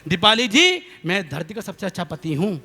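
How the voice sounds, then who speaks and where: A man performing as a comic poet, telling a funny story loudly on stage and calling for applause. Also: high-pitched, a little fast, very noisy. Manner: loud animated stage delivery, calls for applause. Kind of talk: comic storytelling at a poetry recital. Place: stage at a live recital. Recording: reverberant hall sound.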